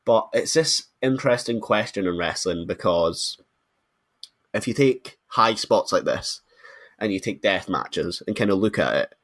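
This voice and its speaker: Low-pitched British man chatting casually. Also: lively intonation, measured pace, fairly bright tone. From United Kingdom. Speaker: wrestling podcast co-host. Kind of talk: casual chat.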